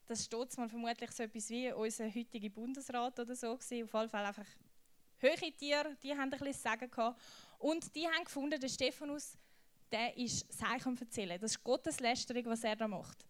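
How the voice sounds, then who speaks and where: A young woman preaches to a youth group in a casual, slangy style. Her voice sits a little high, and she tells her stories with lively energy. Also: brisk.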